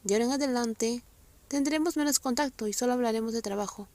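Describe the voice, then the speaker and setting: A woman voicing a cold, weary male film director in a read-aloud story, speaking curtly and quietly. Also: fairly high pitch, quick pace, no echo, close to an everyday voice. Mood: stern.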